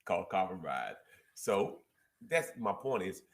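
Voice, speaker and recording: A man hosting a relationship advice chat, emphatic and preachy, quoting scripture and repeating key points slowly. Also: low voice, big pitch swings, creaky.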